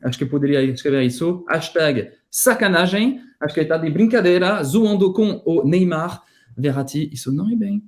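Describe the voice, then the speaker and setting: Low-voiced woman teaching playfully. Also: lively intonation, moderate pace, a little mellow. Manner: playful, joking, reads aloud. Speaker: French teacher. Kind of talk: casual video lesson.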